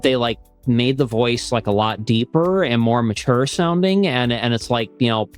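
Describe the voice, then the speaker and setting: A man hosts a casual podcast chat in an ordinary mid-pitched voice. He rambles and restarts his sentences, leaning on fillers as he thinks aloud. Faint music runs behind him. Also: expressive. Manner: rambling, halting, many restarts and "like". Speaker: podcast host.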